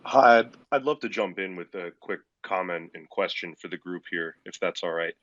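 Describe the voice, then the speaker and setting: A man's voice: sits low, moderate pace, a bit bright, dry recording. A man who joins a discussion with a question, polite and articulate with small hesitations. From United States. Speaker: listener joining with a question. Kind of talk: casual discussion. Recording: dull dry lo-fi line.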